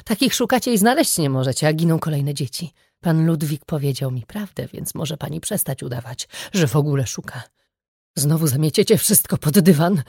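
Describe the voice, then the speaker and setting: A woman's voice: low-pitched, expressive, normal speed, husky, no echo, studio quality, heavily acted. Woman reading a bitter, accusing grieving mother. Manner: sharp, accusing. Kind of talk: audiobook character reading.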